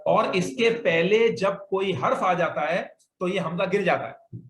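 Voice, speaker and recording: A man with a high, animated, somewhat bright voice speaks a little slowly as he teaches Arabic grammar, patiently explaining rules and having students repeat words. The recording captures an echoey room and faint noise.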